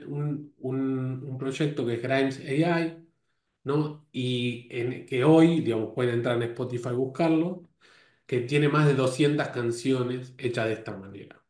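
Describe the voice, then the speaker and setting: A man's voice: medium pitch, a little mellow. A man giving a live lecture to a course, often restarting his phrases and checking in with his listeners. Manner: stumbling restarts with tag questions. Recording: roomy echo.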